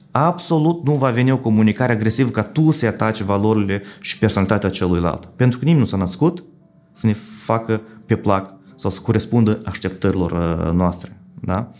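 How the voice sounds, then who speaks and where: A man speaking as a psychologist guest in an interview, explaining with worked examples and often checking in with a quick "right?". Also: lowish voice, darkish tone.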